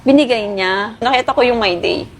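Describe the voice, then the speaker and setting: Being interviewed, a woman with a fairly high voice tells a painful story at normal speed, choking up and close to crying. She remains courteous, saying ma'am to her interviewer, over a faint hiss or hum.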